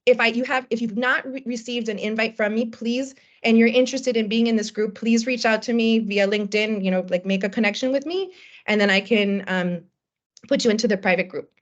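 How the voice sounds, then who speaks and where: Woman, call host, upbeat, slightly high voice, muffled video-call sound. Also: fairly even intonation, fairly quick. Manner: upbeat, mixes in Spanish words. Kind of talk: casual video call facilitation. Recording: dull video call audio.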